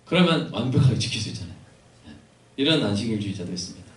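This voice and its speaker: A man's voice: fairly low pitch, sing-song, rapid-fire. A male pastor preaching a sermon in a church sanctuary, posing questions to the congregation and adding joking asides. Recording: echoey church hall from far off.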